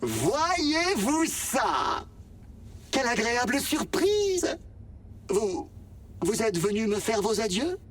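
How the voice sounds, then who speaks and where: A sentient vending machine in a video game, wry and gentle. The delivery is unhurried and theatrically expressive, with big swings in pitch. It sounds slightly distant and polite. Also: male voice, a little hiss or hum, heavily acted. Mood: pleasantly surprised. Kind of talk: video game acting in French.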